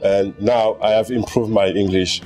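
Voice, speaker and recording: A young man from Cameroon, an accounting student, giving a steady and composed testimonial. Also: lowish voice, measured pace, soft background music.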